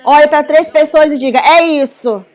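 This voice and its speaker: Fervent high-voiced woman interpreting a sermon. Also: normal speed. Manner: fervent, shouting, repetitive exhortations. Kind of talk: live interpretation of a fiery sermon.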